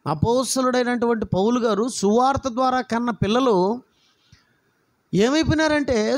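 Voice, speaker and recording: A man preaching a sermon as a pastor, passionate and full of rhetorical questions put straight to the listeners. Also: very high voice. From Andhra Pradesh, India. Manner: impassioned, rhetorical questions, addresses listeners directly.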